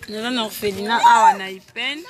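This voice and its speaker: A high-pitched woman chats her way through a live video, greeting viewers one after another with quick exclamations. Loud chatter from a crowd of people fills the space behind her voice. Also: huge pitch swings. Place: orphanage, among children.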